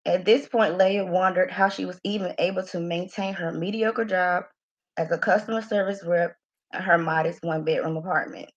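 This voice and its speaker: A woman's voice: fairly low pitch, normal speed, muffled recording. A woman reading the first chapter of her own novel aloud from her phone, voicing the characters' lines with expression. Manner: expressive reading with laughing asides to a live audience.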